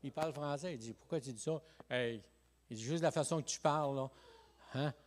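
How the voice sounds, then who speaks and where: A male pastor from Lac-Saint-Jean with a Quebec French accent, giving a lively, joking evangelical sermon full of "hey" and "amen" interjections. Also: mid-range voice, brisk. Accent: Quebec French, Saguenay–Lac-Saint-Jean. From Quebec, Lac-Saint-Jean region. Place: church sanctuary.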